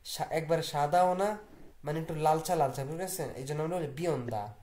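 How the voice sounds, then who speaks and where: A language teacher who asks the class questions, answers them, and slowly repeats words to drill them. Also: medium pitch. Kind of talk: classroom vocabulary lesson. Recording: echoey room with faint noise.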